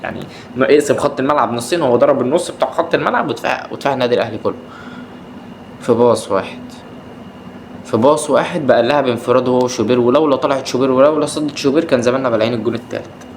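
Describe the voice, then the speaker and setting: A man's voice: medium pitch, very fast, a little hiss or hum. A man with an Egyptian accent hosting a football podcast, recapping a match in a casual way and asking the players the same exasperated questions again and again. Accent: Egyptian Arabic. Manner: exasperated, repeats his questions, rants at the players.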